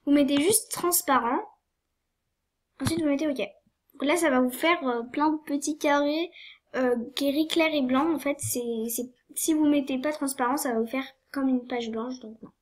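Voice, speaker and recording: A young woman with a high-pitched voice and a cold talks at a normal speed through a screen-recorded game tutorial. She sounds sniffly and hesitant, filling her narration with fillers and apologies as the tutorial maker.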